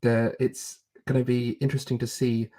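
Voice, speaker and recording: A man talks tactics on a football podcast in a lowish, very even tone with little rise and fall. He muses aloud, stacking up questions about possible line-ups. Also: moderate pace. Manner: musing, lists tactical options in questions. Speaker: podcast co-host. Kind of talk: casual football chat.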